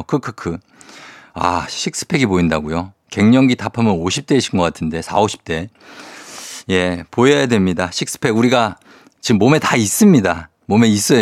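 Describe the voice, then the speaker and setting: Guy dj on morning radio, lowish voice, dry studio mic, chatty reading listener notes. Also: darkish tone, no room sound. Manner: chatty, reacts to messages with quick asides. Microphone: studio microphone.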